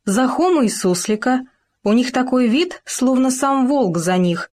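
A sly, fawning fox from a storybook, as a woman puts her on, her voice pitched high and pushed a little louder. She wheedles and flatters every word. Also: measured pace. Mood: wheedling. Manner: ingratiating, wheedling.

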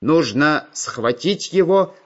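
A man's voice: a little high, animated, slow, a bit bright. A man voicing a firm, commanding iron little man. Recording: slightly dull, faint music.

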